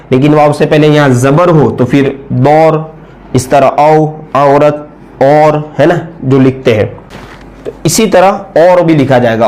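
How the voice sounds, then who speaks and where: A man giving a patient, step-by-step lesson on writing letters, drawing out each sound slowly and often checking in with the viewer. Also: on the high side, darkish tone. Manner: frequent check-ins with the viewer. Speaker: Urdu writing teacher.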